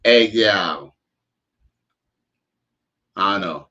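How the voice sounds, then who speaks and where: Hosting a live stream, this deep-voiced man reacts to clips with crude jokes and loose slang, drawing out his words in a sharp tone. It's casual reaction commentary, and the stream audio is dull and lo-fi.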